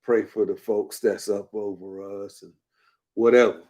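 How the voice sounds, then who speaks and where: Guy ranting in casual commentary, drawn-out slow delivery, says ain't a lot, hammers his points home. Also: on the low side, fairly even intonation, darkish tone. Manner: slow, emphatic, repeats himself for effect; colloquial, drops verbs and uses double negatives.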